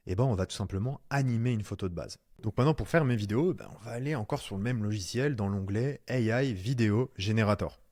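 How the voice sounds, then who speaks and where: Chatty low-voiced French man teaching. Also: warm tone, no echo, clean studio sound. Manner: chatty, addresses viewer as "tu", slangy. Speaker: online course instructor. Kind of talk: casual screen-recorded tutorial.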